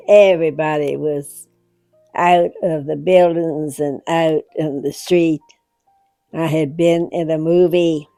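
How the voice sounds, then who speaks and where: Very old American woman, slow and low. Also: warm tone, no echo. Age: very old, about 100. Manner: halting, short phrases with pauses. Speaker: interviewee recalling wartime memories. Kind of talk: unscripted reminiscence.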